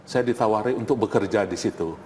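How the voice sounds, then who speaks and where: Low-voiced middle-aged man telling anecdotes. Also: quick pace, a little mellow. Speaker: interview guest, college head. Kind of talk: informal anecdotal storytelling in an interview. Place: TV studio. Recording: reverberant hall, faint background noise.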